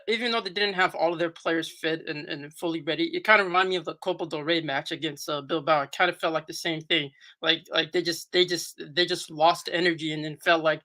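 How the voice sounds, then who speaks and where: A man's voice: fairly high pitch, sharp tone. A man giving casual post-match football analysis as a pundit, slangy and repeating himself for emphasis.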